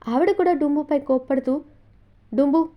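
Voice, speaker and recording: A woman's voice: high-pitched, normal speed, dull audio. A woman narrating a novel as an audiobook, telling the story steadily.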